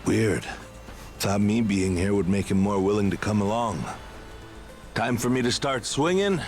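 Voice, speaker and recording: In dramatic video game voice acting, a male actor plays a genial, nostalgic middle-aged treasure hunter turned pirate, talking in a folksy, wry, measured way. His natural voice is lowish, with faint music behind it.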